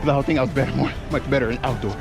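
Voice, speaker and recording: This running vlogger, an American man in his forties, races through his words in a mid-range voice with vocal fry, chatting casually and ramblingly as he jogs. He's relaxed about it, filming outdoors with a handheld action camera while music plays behind him.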